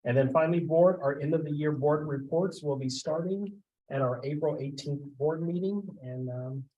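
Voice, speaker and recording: A man, a school administrator, giving a formal report at a board meeting and often pausing on filler sounds. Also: a little high, dull audio. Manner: halting, with frequent filler sounds.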